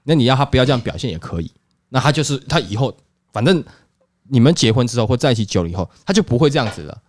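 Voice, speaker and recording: Lively Taiwanese man ranting fast. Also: medium pitch, dry recording, studio quality. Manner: animated, mixes Taiwanese and Mandarin, swears casually, acts out quotes. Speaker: podcast co-host. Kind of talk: casual chat.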